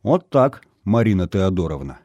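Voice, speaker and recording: A gruff, guarded middle-aged colonel, voiced by a man reading an audiobook. He talks in a matter-of-fact way, low and dark. The recording is close and dry. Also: very animated, moderate pace, no echo.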